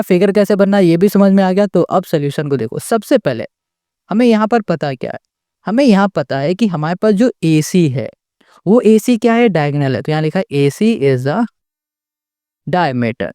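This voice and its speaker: In a dry, close recording with no room sound, a maths tutor with a warm, mellow, medium-pitched voice patiently solves a problem one step at a time. Rhetorical questions to the class and frequent "okay?" check-ins come after every point, and each step gets restated.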